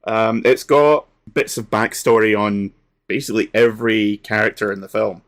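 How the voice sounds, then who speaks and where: A man co-hosting a casual film discussion podcast, pausing often with "um" and "uh" and laughing often. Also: lowish voice, steady tone. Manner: halting, with frequent "um" and "uh". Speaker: podcast co-host.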